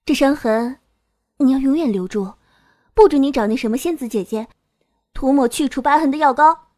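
A doting young girl, played by a woman in an audio drama, with a high, clear voice. She is clingy and teasing, sweetly demanding. The sound is dry and close to the mic. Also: expressive, moderate pace, a little mellow, no room sound. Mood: tender. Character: 19-year-old girl, doting and possessive.

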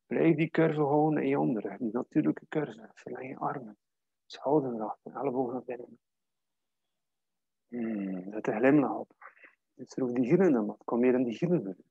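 Gravelly man guiding yoga. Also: mid-range voice, no echo, dull audio. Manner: calm, steady cueing of breath and posture. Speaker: yoga teacher. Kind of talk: guided yoga class instruction.

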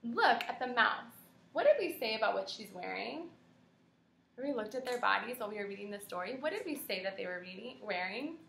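Speaking a little fast and in an animated mid-range voice, the young teacher sounds gravelly and fairly bright, with slight background noise. She reads aloud to children and encourages them with clearly articulated questions in a small room at home, where the video echoes noticeably.

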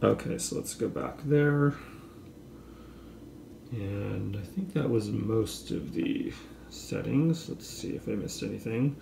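In a lowish, creaky, dark voice, a man slowly explains a product as he demonstrates it by hand in a casual tutorial. He's seated at a table indoors, and the recording is roomy with a faint hum of background noise.

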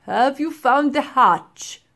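A woman's voice: high voice, animated, takes it slowly, voice pushed up, exaggerated voice. A woman voicing a stern, impatient male professor who barks orders and belittles a child. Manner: sharp, commanding, belittling.

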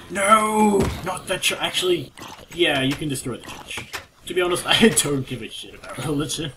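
A man giving casual, rambling commentary while playing a game, jokey and prone to sudden excited outbursts. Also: a little high, normal speed. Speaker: let's play commentator. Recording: noisy home recording with keyboard clicks. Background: keyboard typing and clicks.

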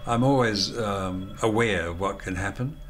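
An older man in his seventies giving a measured, earnest documentary interview. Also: fairly low pitch, a bit bright, slight background noise. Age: older, about 70s. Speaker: exorcist interviewee.

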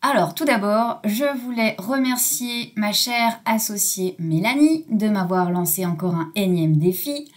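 A woman's voice: mid-range voice, a little slow, hardly any pauses. Chatty woman in her forties hosting. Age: 40s. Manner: chatty, self-mocking asides. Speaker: podcast host. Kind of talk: casual solo podcast.

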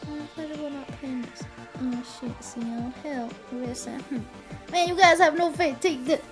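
A woman's voice: high-pitched, moderate pace, over music. A young woman streaming live, chatting casually with her viewers, giggly, apologetic and rambling. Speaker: vtuber streamer.

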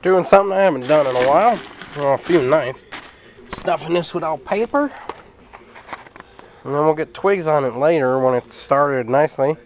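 A man's voice: fairly high pitch, moderate pace, long pauses, highs cut off, slight background noise. A man doing a casual daily vlog to camera, chatting loosely and speaking straight to his viewers. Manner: rambling, chatty, addresses viewers directly. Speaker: daily vlogger.

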